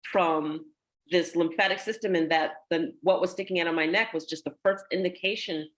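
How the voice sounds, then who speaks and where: Speaking at normal speed in a fairly low voice, a woman guest shares her story in a conversational way. She gets animated, performing the quoted lines of the people involved.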